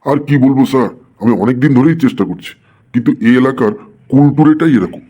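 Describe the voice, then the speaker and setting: A man's voice: medium pitch, fast, dull audio, natural voice. A man voicing a smug village teacher in a cartoon comedy, explaining patiently and with self-assurance. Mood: self-assured. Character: smug male village teacher, sure of his wrong English.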